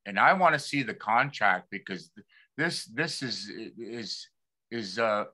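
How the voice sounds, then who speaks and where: A man from the Pacific Northwest United States hosting an informal community talk show, speaking haltingly and repeating words as he searches for the next one. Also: fairly low pitch, lively intonation, pushed and bright. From Lummi community, Pacific Northwest United States.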